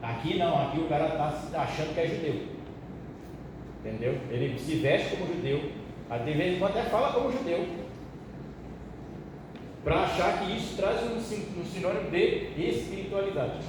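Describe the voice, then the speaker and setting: Informal pastor in an echoey church hall. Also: male voice, fairly high pitch, moderate pace, long pauses. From Brazil. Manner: colloquial, joking, asks the audience questions. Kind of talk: Bible study teaching. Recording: echoey hall, distant mic, background noise.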